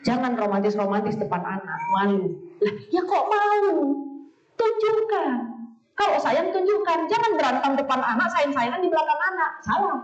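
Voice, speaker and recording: A woman, giving a lively, blunt talk with humour to a women's study group. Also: sits high, a little fast, a little hiss or hum. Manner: blunt, animated, acts out quoted voices, laughs often. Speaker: speaker at a women's study session. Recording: echoey far-off dull sound.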